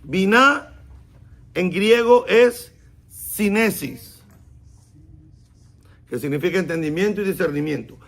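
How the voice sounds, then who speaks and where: A man, a rabbi, teaching a Bible class, explaining words slowly and asking his students questions. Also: high voice, vocal fry, fairly bright tone. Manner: stresses and repeats key words slowly.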